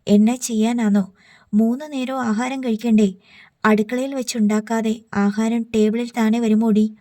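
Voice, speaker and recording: A woman's voice: a little high, fairly even intonation, normal speed, no echo, lightly acted. A woman reading the lines of an angry middle-aged father who scolds his daughter. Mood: scolding. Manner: scolding, forceful.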